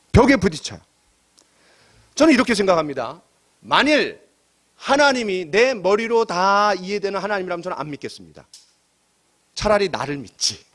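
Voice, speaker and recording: Male pastor, middle-aged, high lively voice, animated sermon delivery with rhetorical questions. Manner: animated preaching with rhetorical questions and quoted asides.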